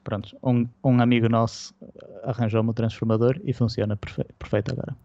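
A man's voice: mid-range voice, little pitch movement, a little fast, mellow, no room sound. Man, European Portuguese accent, casual slangy chat, close dry room sound, slightly dull recording. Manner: colloquial, slangy. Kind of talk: casual chat about retro gaming.

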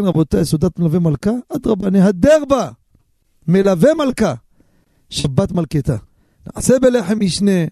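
A man's voice: on the high side, mellow, dry recording, clean studio sound. A man, a rabbi hosting a radio show, who preaches and answers callers with emphatic storytelling. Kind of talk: radio sermon and call-in answers.

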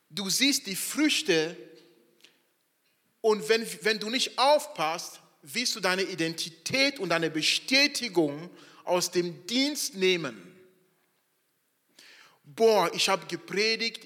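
Male pastor, slightly high, forceful delivery, big swings in volume, reverberant church hall. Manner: animated, swings between loud emphasis and quiet asides. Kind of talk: sermon.

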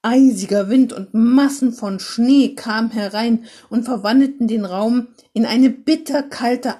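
Woman, storyteller, mellow voice, expressive read-aloud, unhurried. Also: mid-range voice, breathy edge.

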